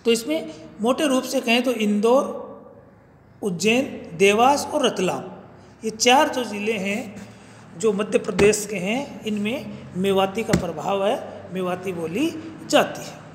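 Male lecturer, high voice, deliberate, repeats examples; roomy reverb. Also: a little hiss or hum. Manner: slow, deliberate, repeats each example word. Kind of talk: academic lecture. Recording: echoey room, long reverb.

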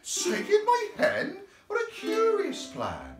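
A woman voicing a fussy little old lady in a picture-book read-aloud, speaking high and exasperated. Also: wildly swooping pitch, takes it slowly, exaggerated voice. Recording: echoey room with guitar music.

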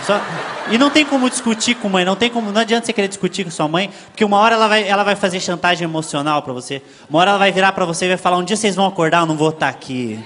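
A man with a Brazilian accent performing a stand-up routine, telling stories in an animated way and imitating voices. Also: high-pitched, racing. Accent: Brazilian Portuguese. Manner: animated storytelling, frequent voice imitations. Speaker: stand-up comedian. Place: comedy stage before a live audience. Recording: live show, crowd laughter and noise.

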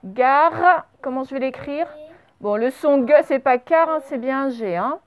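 A woman teaching young children a spelling and dictation lesson, speaking slowly and patiently and spelling words out letter by letter. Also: high voice, animated. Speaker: primary school teacher. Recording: slightly dull, lo-fi home recording.

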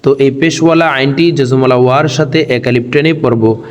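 A man teaching a recitation lesson, explaining pronunciation slowly word by word and drawing out chanted verses. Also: medium pitch, fairly even intonation, big-room sound, highs cut off. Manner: slow, drawn-out chanting of verses between spoken explanations.

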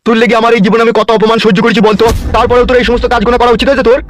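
A man's voice: very high-pitched, little pitch movement, racing, faint music behind. Man doing a blunt scolding cartoon father. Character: gruff scolding village father, middle-aged. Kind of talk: cartoon comedy voice acting.

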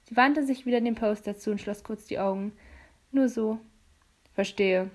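A woman reading a novel aloud as an audiobook, narrating in a calm, even way. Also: on the high side, quick pace. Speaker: audiobook reader. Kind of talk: storybook narration.

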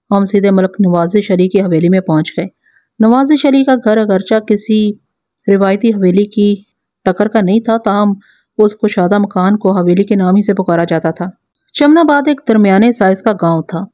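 Woman reading a suspense story, mellow dark voice, dry close mic. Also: mid-range voice, dry recording. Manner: measured, even storytelling. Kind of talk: scripted story narration.

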